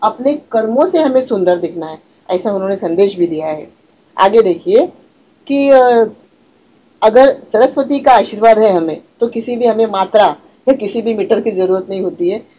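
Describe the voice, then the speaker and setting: A woman from Maharashtra, India, teaches an online Hindi class, patiently explaining and repeating key words and often answering her own questions. She also chants meter and recites verse lines slowly. Her mid-range voice is animated and warm, though the highs are cut off.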